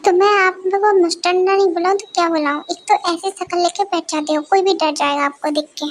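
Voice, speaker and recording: A woman's voice: very high voice, steady tone, a little fast, slight background noise. Woman voicing a sassy, defiant young woman. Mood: defensive. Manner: sassy, argumentative. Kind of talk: fan-dubbed romance audio story.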